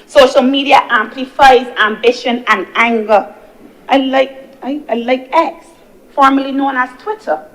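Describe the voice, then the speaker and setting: A woman's voice: sits high, steady tone, measured pace, fairly bright tone, rough recording. Earnest young woman senator. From Barbados. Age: young adult. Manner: earnest, rhetorical, builds on repeated phrases. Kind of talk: parliamentary speech. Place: senate chamber.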